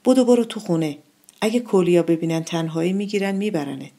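A woman's voice: fairly low pitch, warm tone. A woman voicing a cross old woman on the street who scolds sharply.

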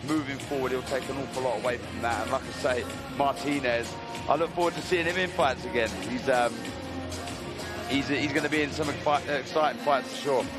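A man's voice: mid-range voice, steady tone, a little fast. Male boxing analyst, music behind. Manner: conversational, repeats phrases for emphasis. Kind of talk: live expert sports commentary.

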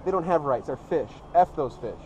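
A man's voice: fairly high pitch, lively intonation, moderate pace, a little mellow. A young man hosting a fishing vlog from a small boat on a river, chatting and joking in a laid-back way, recorded by an action camera. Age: young adult. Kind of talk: casual chat. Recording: noisy outdoor camera audio.

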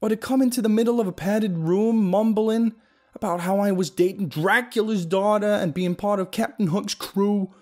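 Man playing a frantic, yelling paranoid guy. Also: high-pitched, moderate pace, pitched above the performer's own voice, lightly acted. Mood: panicked. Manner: shouting, frantic.

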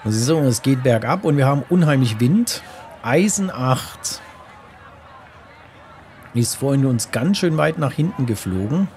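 A man's voice: mid-range voice, lively intonation, measured pace, pauses often, darkish tone, a little hiss or hum. A man giving casual gameplay commentary, musing and thinking aloud to himself as he plays. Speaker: gamer, let's play host.

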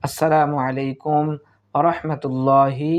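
A man teaching Quran reading, spelling out each letter and vowel mark and then chanting the joined word slowly. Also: medium pitch, level tone, lo-fi sound. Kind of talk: slow spelling-out recitation lesson.

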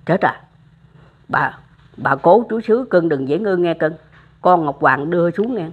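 A woman's voice: on the low side, expressive, measured pace, husky. An older woman, telling stories casually, acting out dialogue and addressing the listener affectionately. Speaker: storyteller of religious experiences. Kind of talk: casual spoken storytelling. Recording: muffled lo-fi recording.

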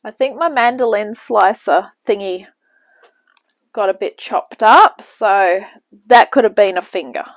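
A woman's voice: medium pitch, unhurried, dry recording, poor audio. A woman hosting a home cooking demonstration, talking casually with rambling asides as she works, heard from a camera in a home kitchen. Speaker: cooking show host. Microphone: camera mic, off-screen speaker at the bench.

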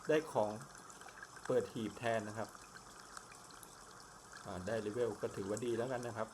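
A man chatting casually to viewers as he plays through a game, his volume swinging between loud and soft. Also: fairly low pitch, fairly even intonation, normal speed, noisy background. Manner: chatty, talks to viewers while playing. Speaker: game streamer. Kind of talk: casual gameplay commentary. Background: game music.

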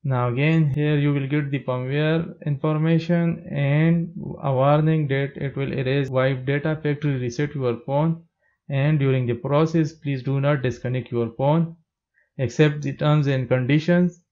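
A man narrating a step-by-step tech tutorial as a plain, steady voice-over. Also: on the high side, moderate pace, muffled recording.

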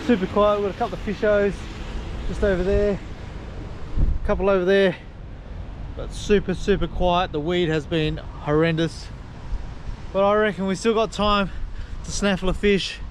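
A man's voice: high-pitched, steady tone, normal speed, pauses often. A man chatting to viewers while fishing from a rock wall by the sea. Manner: chatty, upbeat, talks to viewers as guys and homies. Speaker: fishing vlogger. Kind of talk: casual narration to camera while fishing. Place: outdoors on a rock breakwall by the sea. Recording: outdoor wind noise on the mic. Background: wind and water noise.

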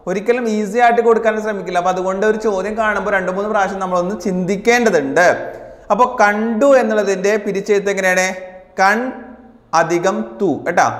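A high-voiced man teaching an exam prep grammar lesson. He repeats each answer slowly and talks to his students as children. The room echoes, with a long reverb tail. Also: a bit bright.

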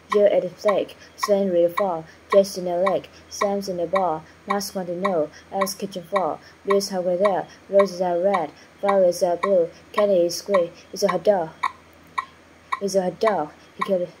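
A woman runs a pronunciation drill, saying one word or short phrase at a time in a careful, clipped way. Her pitch sits in an ordinary middle range. Dishes, pots and pans clatter clearly in the kitchen behind her. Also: noisy background.

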